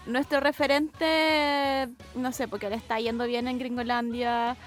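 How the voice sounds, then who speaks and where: A woman's voice: a little high, level tone, measured pace, faint music behind. A young woman with a Chilean accent co-hosting a podcast, chatting casually and gushing with enthusiasm. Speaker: podcast co-host. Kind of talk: casual chat.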